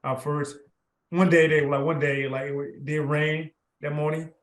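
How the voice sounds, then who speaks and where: Heard over roomy video call audio, this man hosts a podcast interview in a relaxed, rambling style, constantly dropping filler affirmations. He speaks at normal speed with a slightly high voice and flat delivery.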